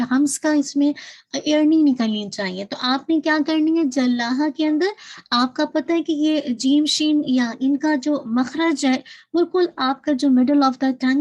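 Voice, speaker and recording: A woman teaching Quranic recitation, patiently explaining points and often checking with her students. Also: high-pitched. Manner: patient, repeats "ٹھیک ہے؟" to check understanding; drawn-out slow recitation between quick explanations. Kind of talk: tajweed lesson with slow modeled recitation.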